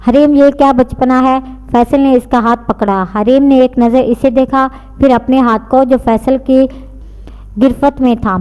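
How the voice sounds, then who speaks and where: Woman narrator reading a novel, steady, higher voice, lots of reverb. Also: normal speed, dull audio. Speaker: story narrator. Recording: long reverb.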